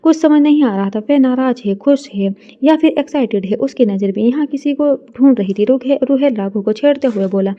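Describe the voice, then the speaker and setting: A woman's voice: high-pitched, a little fast, few pauses, lo-fi sound. A woman reading a romance story aloud in a casual way, with fillers and restarts. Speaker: story narrator.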